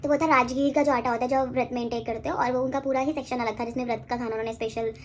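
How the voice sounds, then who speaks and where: A woman vlogger in casual storytelling to camera, chatty and animated, talking straight to her viewers. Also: high voice, very fast, slight background noise.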